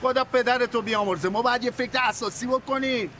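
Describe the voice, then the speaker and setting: An actor playing a boastful, ingratiating man in a comedy series. He talks in a fawning, flattering way that can suddenly turn tough. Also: extremely high pitch. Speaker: friend pleading with a moneylender.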